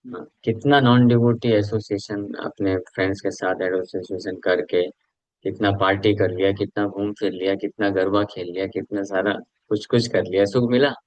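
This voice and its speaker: A man's voice: fairly low pitch, fairly even intonation, normal speed, no room sound, lo-fi sound. A man giving a conversational scripture class as a preacher, asking his listeners questions and mixing Hindi with English.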